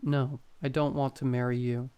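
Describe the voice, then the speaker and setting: A man's voice: medium pitch, level tone, normal speed, warm tone, smooth, lightly acted. A man voicing a guarded young woman, a blunt and firm girlfriend, in horror story dialogue. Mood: curt refusal.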